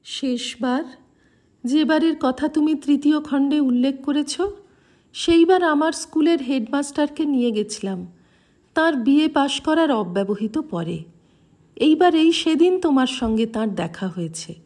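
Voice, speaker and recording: Slow, mellow woman reading reverently. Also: high-pitched. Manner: calm, measured, reverent. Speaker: reader. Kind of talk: scripted devotional reading.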